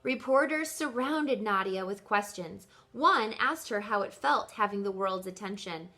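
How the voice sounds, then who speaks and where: With a medium-pitched voice and a slightly slow delivery, a woman teacher reads a story aloud to kids, full of expression. She talks right to her young listeners and quizzes them along the way.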